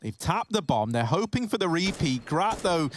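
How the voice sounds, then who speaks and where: A male esports caster with a slightly high voice calls the action play-by-play. His delivery is excited and emphatic, over light background noise. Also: moderate pace. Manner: rising, emphatic delivery at key moments.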